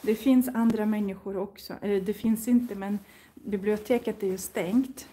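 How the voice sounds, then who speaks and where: A woman's voice: mid-range voice, fairly even intonation, warm tone, husky. A woman chatting casually to viewers as she browses and borrows books in a library, thinking aloud and reading titles out. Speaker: Swedish teacher and vlogger.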